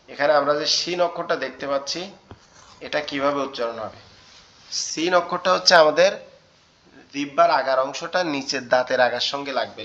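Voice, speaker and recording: A man's voice: mid-range voice, bright, forceful tone. A man teaching Arabic letters in an online class, patiently repeating each sound and questioning his students. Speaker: Quran teacher. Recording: dull online call audio.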